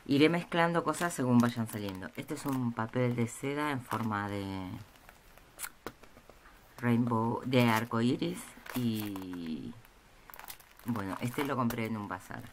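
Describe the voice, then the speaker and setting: A woman with a bass voice speaks slowly and hesitantly, with many pauses and fillers, during a casual show-and-tell of her craft haul. She's off-screen indoors at a table, recorded by a camera over the tabletop. The room is noisy, with packaging crinkling.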